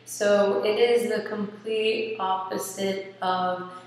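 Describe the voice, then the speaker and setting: A woman's voice: mid-range voice, little pitch movement, far from the mic. A young woman student from rural Washington gives a short, earnest testimonial to a laptop webcam in a small dorm room. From rural Washington State. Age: young adult. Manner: earnest, measured advice. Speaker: student in a college support program. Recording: echoey room, from the mic, faint hiss.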